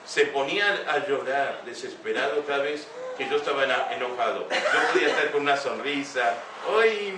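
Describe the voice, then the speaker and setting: Steady room noise and echo surround an older man speaking from some way off the mic in his talk to young listeners. With a medium-pitched voice, he addresses them earnestly and keeps stopping to pose rhetorical questions.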